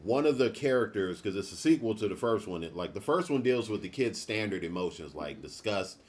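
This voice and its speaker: A man's voice: fairly low pitch, animated, a little fast, a little mellow. A man hosting a podcast in casual chat, rambling and swearing freely. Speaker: podcast host.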